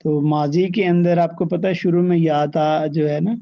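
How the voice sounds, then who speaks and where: A man teaching an online grammar lesson. He recites verb forms slowly and mixes English terms into his explanations. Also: fairly high pitch, flat delivery, gravelly, dull audio. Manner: slow, drawn-out recitation of verb forms between quick explanations; mixes in English terms and checks in with "theek hai".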